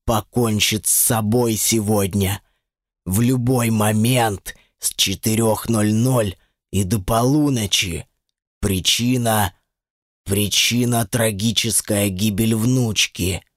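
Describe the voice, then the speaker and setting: A man's voice: fairly low pitch, steady tone, slow, no room sound, pitched below the performer's own voice. A man reading an audiobook, voicing a menacing male demon who gives curt, dry orders. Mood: grim.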